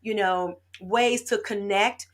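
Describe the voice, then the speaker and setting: A woman's voice: medium pitch, fairly even intonation, slow. A woman hosting an inspirational talk show over a video call, effusive and heartfelt, close to tears at times.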